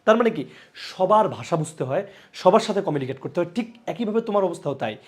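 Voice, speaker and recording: Young male online teacher, slightly high voice, lively exam-prep delivery with lots of repetition. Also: fast. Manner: lively, repeats points and calls out students' names.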